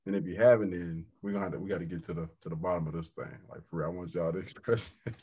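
A laid-back man in his thirties with a low voice hosts a podcast over a video call. He talks casually and easily and keeps dropping "man" and "dog" into his sentences. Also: steady tone, racing, warm tone, husky. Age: 30s. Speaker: podcast host. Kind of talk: casual chat.

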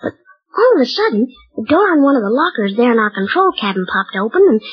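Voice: mid-range voice, big pitch swings, fast talker, husky. An actor playing an eager, polite young boy with an earnest manner in an old radio space adventure serial. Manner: earnest, deferential, boyish exclamations. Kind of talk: 1930s-40s radio serial acting. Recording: dull old radio recording, music.

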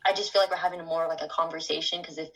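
A woman's voice: sits low, steady tone, racing, gravelly, a bit bright, poor audio. A woman being interviewed about her experiences, chatting casually with many "like"s and "um"s. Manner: chatty, lots of "like" and "um", with restarts. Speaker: interview guest.

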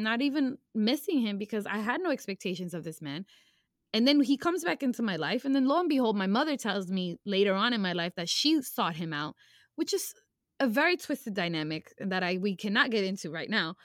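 A woman's voice: fairly high pitch, a bit bright, dry recording, studio quality. A young woman talking candidly about her past in a personal conversation, emotional and casual, with slang and swearing.

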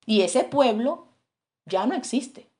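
A woman's voice: a little high, animated, takes it slowly, mellow. A woman preaching a sermon, retelling a story in a conversational, storytelling way to her congregation.

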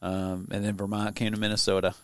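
A man hosting a casual podcast chat, laid-back, laughing often and trailing off quietly. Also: fairly low pitch, completely flat delivery, quick pace, clean tone, no room sound. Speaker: podcast host.

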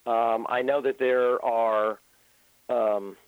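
A paranormal researcher in his fifties, appearing as a guest on a radio interview, answers earnestly and at length, peppering his speech with many ums. His medium-pitched voice is level, slow and clean with no echo, heard over a tinny, dry phone line.

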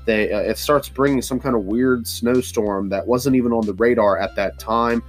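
A man with a stuffy nose hosts a casual solo podcast from a hot, humid home studio where fans are running. His mid-range voice moves at a normal pace, rambling with plenty of fillers and restarts, while faint music plays in the background.

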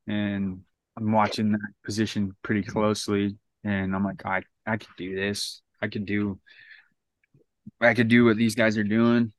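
Low-voiced and recorded without echo, a man in his thirties guests on a podcast and recounts his story. It's casual and rambling, full of restarts and "like" fillers.

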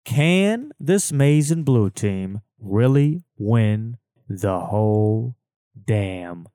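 Slow-paced man hosting sports talk. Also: on the low side, sing-song, dark tone, no room sound, clean studio sound. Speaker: sports talk show host. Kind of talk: casual show hosting.

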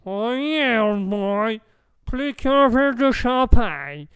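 Man voicing a rowdy tipsy American, high and booming, crisp dry sound. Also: lively intonation, very slow, fairly bright tone, dry recording, heavily acted. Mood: boisterous tipsy. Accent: fake American accent in French. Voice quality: boisterous, says "old boy". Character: loud tipsy American man pushing champagne.

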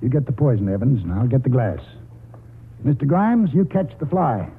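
An older American man performs a stubborn, wily country grandfather in a radio drama, using a full character voice at medium pitch, very animated and at normal speed. His folksy speech rambles in a stubborn, bargaining mood, heard through a muffled, husky-sounding vintage radio broadcast.

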